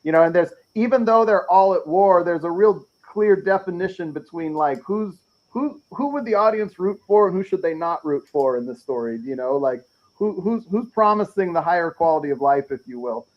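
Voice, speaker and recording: A man's voice: sits high, lively intonation, normal speed, muffled recording. A man, a comic creator guest on a video call, chatting casually with lots of restarts and repeated words. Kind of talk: casual podcast chat.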